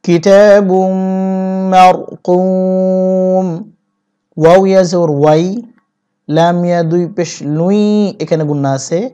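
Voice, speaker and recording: A man teaching Quran reading, spelling out syllables one by one and chanting each verse slowly. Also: on the high side, warm tone. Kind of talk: step-by-step recitation lesson. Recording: dull lo-fi recording.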